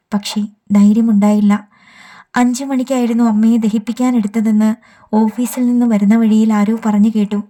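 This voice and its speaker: A woman reading a novel aloud as an audiobook narrator, in steady scripted narration. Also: fairly high pitch.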